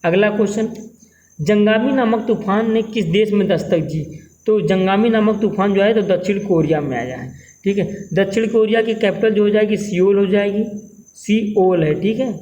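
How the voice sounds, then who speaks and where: A man's voice: sits high, mellow, rough recording. A man teaching exam-prep current affairs as a lecture, repeating each question and tagging lines with "theek hai", in a North Indian Hindi accent.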